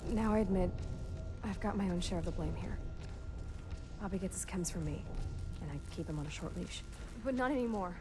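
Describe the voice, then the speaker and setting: An actress playing a tough, sharp-tongued young woman in a video game, blunt and defensive. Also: fairly low pitch, brisk, long pauses, music in the background, natural voice. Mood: fed up, blunt.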